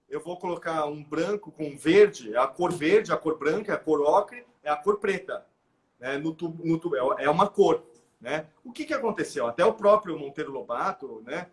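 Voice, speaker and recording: Animated Brazilian man, fairly high voice. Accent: Brazilian Portuguese. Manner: animated, with frequent "né?" tags and restarts. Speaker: guest expert. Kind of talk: conversational explanation in a live interview.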